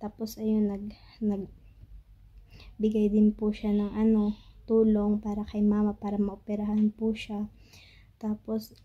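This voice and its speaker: A young Filipina woman telling a family story in a casual vlog, halting and searching for words, fighting tears at times. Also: medium pitch, monotone, lo-fi sound. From Philippines. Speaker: family vlogger. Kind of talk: emotional story-time monologue. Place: home in Pakistan.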